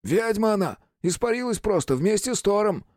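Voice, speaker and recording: A man doing a shrill panicked underling. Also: normal speed, no echo, clean studio sound. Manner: high excited shouting.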